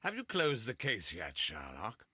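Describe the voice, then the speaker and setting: An actor playing an imperious, dismissive gentleman in a video game, speaking in a haughty, commanding way. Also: on the low side, huge pitch swings, unhurried, slightly rough, full character voice. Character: imperious, dismissive gentleman, detective's elder brother.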